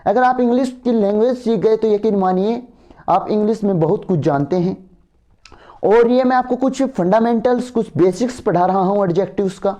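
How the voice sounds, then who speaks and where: Male grammar tutor, dark mellow voice, keeps asking "right?". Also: high-pitched. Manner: asks students for agreement, repeats words. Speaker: teacher. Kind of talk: exam grammar lecture.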